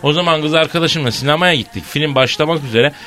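A man's voice: a little high, fast talker, bright, forceful tone, soft background music. A man hosting a morning radio show, chatting casually and telling long comic anecdotes. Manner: jokey storyteller, spins long anecdotes.

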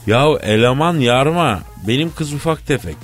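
A man hosting a comedy radio show, telling a story in a theatrical, slangy way that swings between mock sorrow and excitement. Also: medium pitch, normal speed, faint music behind. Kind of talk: comic storytelling in a radio sketch.

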